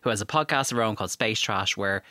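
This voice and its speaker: A man's voice: lowish voice, quick pace, sharp tone, no echo, studio quality. An Irish man hosting a podcast, introducing the show and chatting casually with his guest. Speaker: podcast host.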